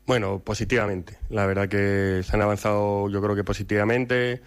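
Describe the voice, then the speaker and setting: A man speaking as a club representative, giving a formal, measured press-conference statement with hesitations. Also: lowish voice, level tone, smooth. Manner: measured, hesitant with fillers and restarts.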